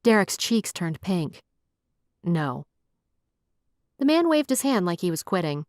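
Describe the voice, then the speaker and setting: A woman's voice: medium pitch, sing-song, normal speed, a little mellow, no room sound, clean studio sound. Woman narrating a romance audiobook.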